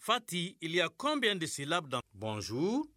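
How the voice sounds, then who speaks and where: A man teaching a scripted classroom lesson, giving measured, encouraging instructions. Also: fairly high pitch, huge pitch swings, pushed and bright, dry recording.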